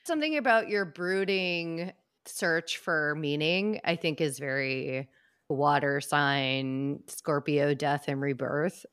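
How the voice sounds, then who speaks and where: Deep-voiced playful woman co-host. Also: takes it slowly, smooth, dry recording, studio quality. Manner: playful, animated, curious. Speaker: podcast co-host. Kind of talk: casual podcast chat.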